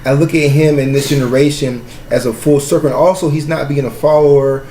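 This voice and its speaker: A man's voice: mid-range voice, steady tone, fairly quick, mellow. A man from the US Pacific Northwest hosting a casual conversational interview, slangy and discursive in his talk. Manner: slangy, discursive, often says "you know what I mean". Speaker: podcast host, interviewer. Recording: roomy echo, faint background noise.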